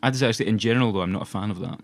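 A Glaswegian man in his twenties co-hosts a laid-back podcast, rambling and laughing often. His voice sits fairly low and he talks rapid-fire.

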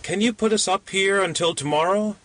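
Small jaunty man, put on by a man, high-pitched, affable, nervous, storybook character. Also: a little fast, a bit bright. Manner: chirpy, cheerful, raised voice. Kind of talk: storybook reading.

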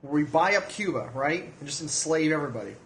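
A man's voice: on the high side, animated, fast talker. Joking young man in an echoey room. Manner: joking, pushes outlandish schemes. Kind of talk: casual group chat. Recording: echoey room with faint background noise.

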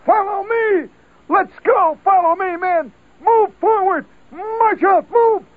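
A man putting on a gruff male army first sergeant who shouts rapid-fire orders. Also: extremely high pitch, no echo, voice pushed up. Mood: combat yelling. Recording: tinny lo-fi 1970s radio broadcast.

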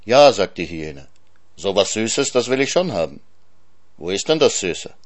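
A man's voice: on the low side, big pitch swings, unhurried. A man voicing a greedy, moaning male hyena in a storybook reading, with a plaintive, pleading tone.

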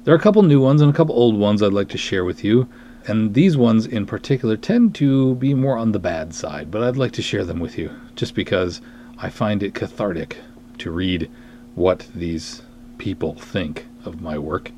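On the low side and expressive, this mellow voice moves at normal speed. It belongs to a podcast host, writer and director giving a wry, self-deprecating, emphatic monologue that includes dramatic review readings. There is slight background noise.

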